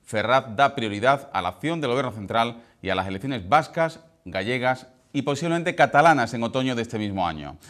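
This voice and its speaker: A man's voice: medium pitch, lively intonation, fairly quick, a bit bright. A man delivers a scripted television editorial to camera in a formal, declamatory way. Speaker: television news presenter. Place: television studio, seated at a desk. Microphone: lapel mic.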